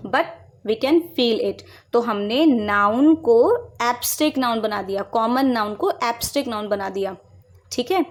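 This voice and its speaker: A woman's voice: fairly high pitch, a little mellow. Woman teacher explaining to children. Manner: addresses students as beta, frequent "है ना?" check-ins, explains slowly line by line. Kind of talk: bilingual classroom explanation to children.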